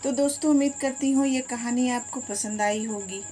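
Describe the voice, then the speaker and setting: A woman's voice: a little high, normal speed, warm tone, faint music behind. A woman storyteller reading out a moral tale and giving each villager a voice of her own. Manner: voices every villager in turn. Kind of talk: scripted story narration.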